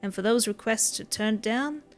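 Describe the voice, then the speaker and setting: A woman's voice: fairly high pitch, moderate pace, close to an everyday voice. A woman reading out a rowdy, folksy man who loves death metal, in a put-on American drawl. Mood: boastful.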